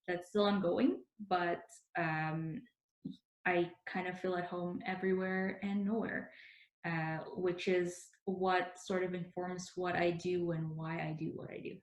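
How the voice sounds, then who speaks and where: A young woman from Indonesia talks into a laptop webcam at home. Her voice sits a little low, and she pauses often with soft fillers as she reflects. The room adds a noticeable echo. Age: young adult. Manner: thoughtful, with frequent "um" and "uh" fillers. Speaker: business journalist. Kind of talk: personal reflection to camera. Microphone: laptop webcam, close framing.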